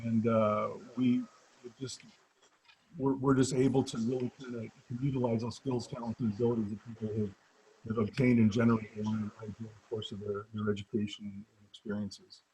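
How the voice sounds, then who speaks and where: A man's voice: on the low side, level tone, moderate pace, dark tone, a little hiss or hum, low-quality recording. A man explaining probation work to students on a career panel, talking in a hesitant way with many restarts.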